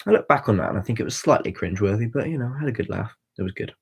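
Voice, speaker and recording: This young livestream host in his twenties races along in a fairly low, gravelly, breathy voice, expressive and chatty. He answers viewer comments in a rambling way, with lots of ums and restarts.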